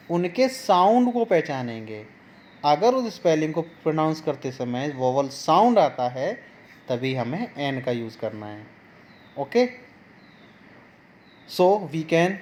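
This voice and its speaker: A man with an Indian accent teaching a grammar lesson online, explaining slowly and mixing English examples into Hindi. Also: on the high side, a little mellow.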